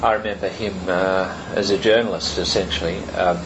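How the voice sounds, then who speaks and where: A man chairing a book talk, casual and halting, with many fillers and restarts. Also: sits low, steady tone, noisy background. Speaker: event chair. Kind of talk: casual hosting and Q&A. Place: lecture room with an audience.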